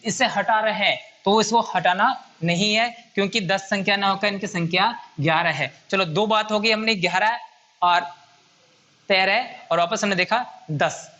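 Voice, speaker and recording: A man's voice: high-pitched, moderate pace, bright, forceful tone. A man teaching a grammar lesson at a whiteboard, patiently repeating and counting items aloud.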